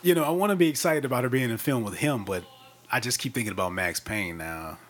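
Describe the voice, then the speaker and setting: A man's voice: mid-range voice, fast, slight background noise. An enthusiastic man co-hosting a casual podcast, often trailing off mid-thought. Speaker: podcast co-host. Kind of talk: casual chat.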